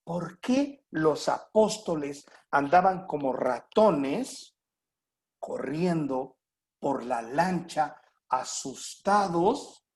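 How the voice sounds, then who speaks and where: A middle-aged Mexican pastor preaches with animated, questioning energy. His voice sits a little high and leaps around as he acts out the voices of worried people. He keeps coming back to the same rhetorical questions. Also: extremely slow. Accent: Mexican Spanish. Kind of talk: sermon.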